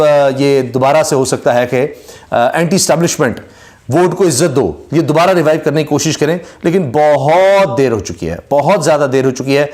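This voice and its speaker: A man with a somewhat high-pitched voice delivers political commentary. He sounds scornful and keeps posing rhetorical questions to the listener. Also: a little mellow.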